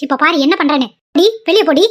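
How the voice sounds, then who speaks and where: A woman voicing a cruel, arrogant mother-in-law in a cartoon, with a harsh, lowered voice. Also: quick pace, very noisy, natural voice. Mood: vicious. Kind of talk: cartoon voice acting. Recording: dull lo-fi sound.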